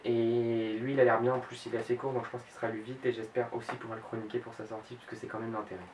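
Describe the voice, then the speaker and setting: A book blogger in his late teens chats about his reading plans in a casual home vlog, hesitant and often stopping on fillers or correcting himself. His middle-pitched, slightly mellow voice is flat in delivery and sits back from the mic in an echoing room over a faint hiss.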